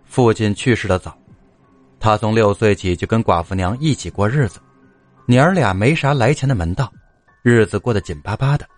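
A man narrating a folk story in a steady, even storytelling manner. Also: on the low side, normal speed, faint music behind.

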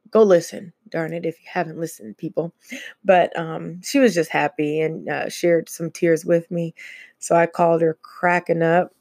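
A woman hosting a casual solo podcast, chatting with plenty of fillers and easy laughs. Her voice is low, dark and gravelly, with a bit of fry. The sound is close and dry. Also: no room sound. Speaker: podcast host.

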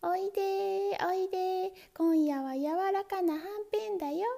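A woman's voice: a little slow, gravelly, mellow, heavily acted. A woman voicing a talking mousetrap that coaxes mice in with a sweet, wheedling voice. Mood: coaxing. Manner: sweet wheedling high voice, curt when annoyed. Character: coaxing talking mousetrap, sly then sulky.

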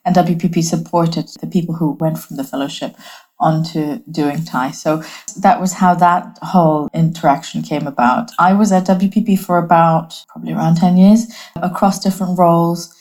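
A woman's voice: lowish voice, fairly even intonation, moderate pace, darkish tone. A woman from Bangladesh, an advertising strategist, talking as a guest in an interview from her home office. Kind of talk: conversational interview.

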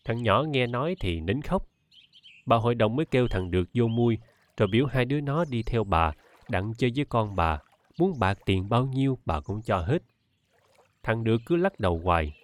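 A man reading a novel aloud as an audiobook narrator, in a steady, measured way. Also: mid-range voice. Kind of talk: scripted narration.

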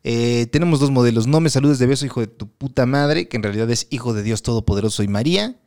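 Mexican podcast host, mid-pitched, deadpan banter and crude jokes. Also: male voice, quick pace. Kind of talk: casual comedic chat.

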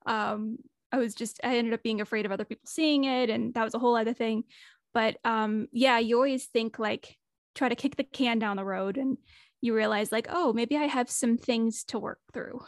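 Reflective woman with a high voice. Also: fairly even intonation, normal speed, dry recording, studio quality. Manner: reflective, earnest, thinks aloud. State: losing her voice. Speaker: podcast guest. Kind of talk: casual interview conversation.

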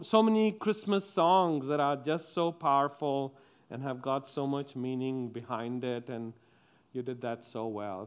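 Man, pastor, children's sermon, high voice, unhurried, playful, asks questions. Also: clear, resonant tone.

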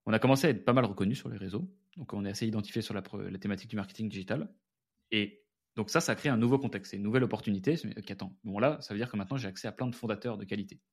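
A French man hosts his own podcast in a candid, chatty monologue. His voice sits low and he talks at a brisk clip. He speaks to listeners as friends, casual and direct. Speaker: podcast host and founder.

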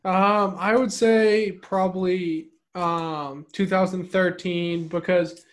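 A man's voice: high voice, fairly even intonation, takes it slowly. A man co-hosting a sports podcast, telling a story in an earnest, hesitant way with many fillers. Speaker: podcast co-host. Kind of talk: casual podcast chat.

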